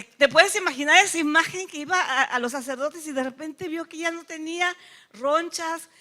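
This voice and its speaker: A woman from Mexico preaching a sermon to a church, often asking the congregation rhetorical questions. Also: high-pitched. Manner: acts out the lepers' cries loudly.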